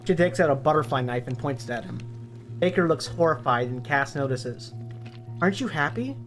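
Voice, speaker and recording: A hoarse man reading a story aloud in a plain, steady narrating voice. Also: medium pitch, a little fast, soft background music. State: hoarse from illness.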